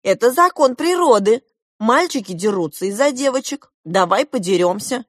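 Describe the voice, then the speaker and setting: A woman's voice: fairly high pitch, expressive, moderate pace, no room sound, clean studio sound, voice pushed up. A woman reading a storybook aloud and voicing a proud, argumentative boy prince from an undersea kingdom, with a haughty, lecturing tone. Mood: boastful.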